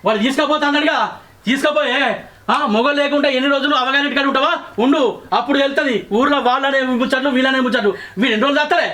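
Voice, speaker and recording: A man's voice: very high-pitched, steady tone, very fast, pushed and bright. A man with a Telangana accent acting in a short film as a defiant, quarrelsome husband. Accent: Telangana Telugu. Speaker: drunken husband.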